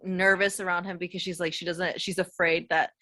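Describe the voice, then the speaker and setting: A woman's voice: lowish voice, level tone, a little fast, sharp tone. A woman speculating earnestly in a casual book club chat.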